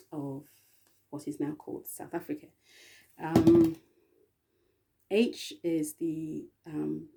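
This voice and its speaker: An English woman speaking in a slow, meandering spiritual monologue, often spelling out letters and pausing with little laughs. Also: lowish voice, gravelly, dark tone, slightly rough. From England.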